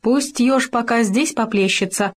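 A woman voicing a sly female fox in a storybook, sugary and sharp-tongued. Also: fairly high pitch, a little slow, pitched above the performer's own voice. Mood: commanding. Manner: sugary, snapping.

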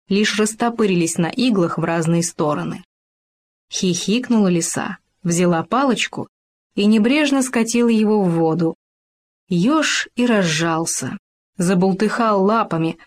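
A woman narrating a children's animal tale in a lively, expressive way. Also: mid-range voice. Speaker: storyteller. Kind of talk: storybook narration.

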